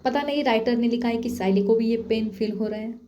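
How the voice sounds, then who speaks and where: A woman's voice: fairly high pitch, fairly quick, mellow. A woman narrating a love story in a casual, chatty way, with direct asides to listeners. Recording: echoey room, dull lo-fi.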